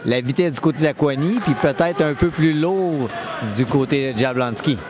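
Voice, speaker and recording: A man's voice: on the high side, normal speed. A man with a Quebec French accent giving conversational live boxing commentary. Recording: event crowd noise behind voice. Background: crowd at boxing event.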